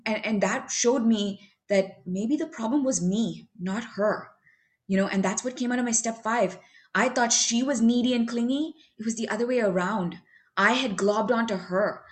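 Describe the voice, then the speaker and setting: Chatty woman giving a recovery share. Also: on the high side. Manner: chatty, filler-heavy, candid and self-mocking. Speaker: member sharing at a recovery meeting. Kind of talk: personal recovery testimony.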